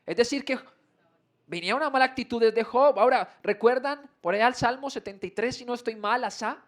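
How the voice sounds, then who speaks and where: A male pastor delivering a church sermon, asking the congregation questions and reading scripture slowly with rising emphasis. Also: extremely high pitch. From Colombia. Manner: preaches with rhetorical questions to the congregation. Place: church sanctuary.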